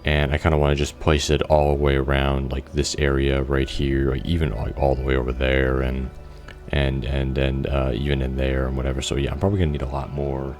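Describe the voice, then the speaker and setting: Male gameplay commentator, extremely deep voice, loose casual rambling, occasional swearing. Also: monotone, a little fast, few pauses, a little mellow, soft background music. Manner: rambling, thinks aloud, frequent restarts and fillers. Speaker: gameplay video creator.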